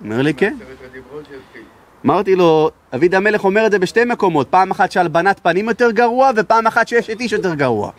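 High-voiced emphatic Israeli rabbi. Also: male voice, lively intonation. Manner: raises his voice to be heard, emphatic. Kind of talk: sermon with storytelling.

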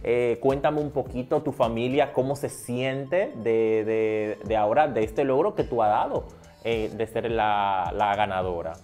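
Male interview host, mid pitch, eager quick bursts, lots of fillers, lapel mic, faint music behind. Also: darkish tone. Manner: eager, fast bursts, many fillers and repeats. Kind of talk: casual interview. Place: small TV studio set, indoors.

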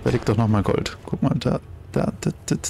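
A man's voice: mid-range voice, steady tone, a little fast, creaky, warm tone, soft background music. A German man giving casual let's play commentary, chatty and thinking aloud, exclaiming over loot as he finds it.

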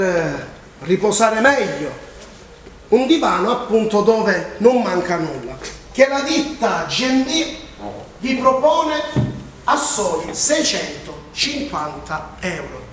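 A man delivers a TV infomercial pitch in a high voice, unhurried and emphatic. He stretches his words to sell the offers. The sound is distant from the microphone, in a large indoor showroom. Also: fairly bright tone. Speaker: TV furniture salesman presenting offers. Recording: echoey showroom, distant mic, faint noise.

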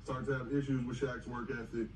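A man talking through sports stories in a quick, conversational way. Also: mid-range voice, flat delivery, a little mellow. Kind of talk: sports talk show chat. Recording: distant, echoey playback with noise.

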